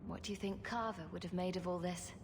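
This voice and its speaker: An actress playing a composed, protective elder sister, a measured and reassuring fantasy game heroine. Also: female voice, lowish voice, steady tone, a little hiss or hum, natural voice. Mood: reflective. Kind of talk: video game voice acting. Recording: long echoing reverb. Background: game music.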